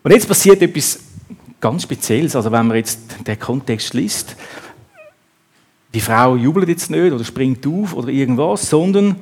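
A man's voice: mid-range voice, a little mellow. A man preaching a sermon, acting out the quotes in the story with a raised voice.

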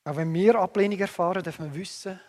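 Man, sermon, earnest, emphatic then hushed, high voice, long hall echo. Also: fast talker. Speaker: preacher.

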